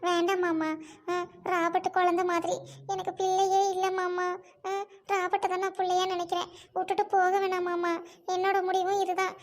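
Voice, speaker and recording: A woman's voice: extremely high pitch, level tone, normal speed. A woman playing a devoted young woman begging her uncle not to leave home, in a family web drama. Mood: pleading. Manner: pleading, tearful tone.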